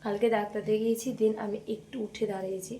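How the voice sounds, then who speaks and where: A young woman with a hoarse, worn-out voice chats casually to her vlog camera, keeping her words soft and quiet. She walks outdoors through open fields with the camera held a little away from her, her voice sitting at an ordinary middle pitch. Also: little pitch movement, fast, a little hiss or hum. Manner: speaks softly while walking. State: hoarse, lost voice. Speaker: vlogger. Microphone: handheld camera kept at a distance.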